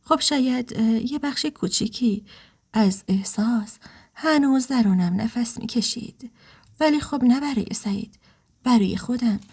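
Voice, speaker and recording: Breathy, whispery woman storyteller. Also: on the high side. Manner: hushed, half-whispered and emotional. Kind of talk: first-person story narration.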